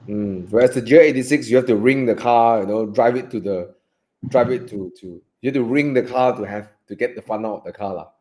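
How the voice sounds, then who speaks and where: A man with a Malaysian English accent co-hosting a live car Q&A in relaxed, chatty talk that trails off softly. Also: medium pitch, brisk. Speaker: co-host of a car buying Q&A. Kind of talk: live stream casual chat.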